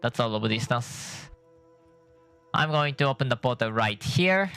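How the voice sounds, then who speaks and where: A man's voice: medium pitch, expressive, unhurried, vocal fry, fairly bright tone, clear, resonant tone, faint music behind. Tired man rambling over gameplay. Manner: rambling, thinking aloud with self-corrections. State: tired from lack of sleep. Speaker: gameplay streamer. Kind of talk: casual gameplay commentary.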